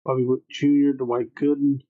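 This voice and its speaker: A man's voice: medium pitch, level tone, moderate pace, narrow, tinny audio. A man hosting a livestreamed trading card break, calling out names matter-of-factly in short clipped phrases.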